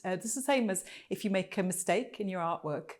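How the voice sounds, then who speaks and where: A Welsh textile artist speaks in a documentary interview with a medium-pitched voice. She's thoughtful and earnest, pausing and restarting as she talks.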